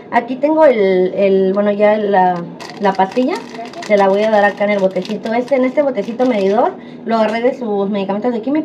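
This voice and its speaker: A woman's voice: on the high side, mellow. A woman, chatting casually to viewers in a home vlog. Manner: chatty, addresses viewers as friends. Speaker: vlogger. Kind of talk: casual vlog talk to camera. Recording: dull lo-fi sound with clear background noise.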